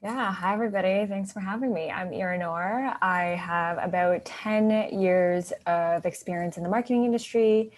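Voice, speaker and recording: A woman's voice: fairly low pitch, steady tone, normal speed, hardly any pauses. A woman in her thirties, a guest consultant talking casually in an interview, with lots of "like" and "you know". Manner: chatty, many "like" and "you know" fillers.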